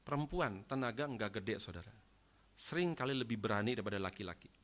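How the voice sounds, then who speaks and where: Bright-voiced man preaching emphatically. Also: lowish voice, lively intonation, fast talker. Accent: Indonesian. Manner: emphatic preaching, often addressing the congregation as "saudara" and asking questions. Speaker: pastor. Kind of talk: sermon. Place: church.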